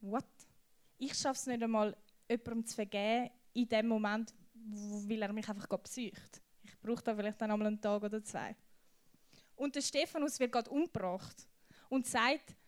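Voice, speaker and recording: A young woman preaches to a youth group in a casual, slangy style. Her voice sits a little high, and she tells her stories with lively energy. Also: normal speed.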